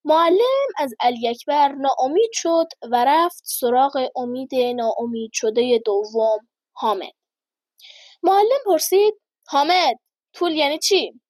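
A high-voiced woman reads a humorous first-person story aloud. She tells it lively and slows down for the punchlines. The recording is dry and close. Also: dry recording.

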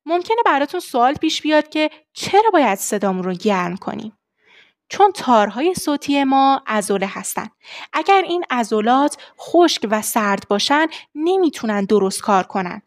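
A young adult woman voice coach giving a lesson on vocal warm-ups, explaining steps and demonstrating the exercises herself. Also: on the high side. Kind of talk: voice training lesson.

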